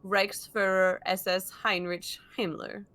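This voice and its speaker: A woman voicing a cold official by reading a memo robotically and flatly. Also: medium pitch, takes it slowly.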